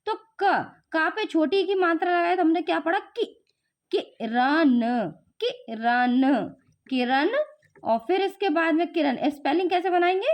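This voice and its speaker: Young woman, high voice, patient teacher, stretches syllables, coaxing questions for a child. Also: normal speed. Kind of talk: home spelling lesson for children.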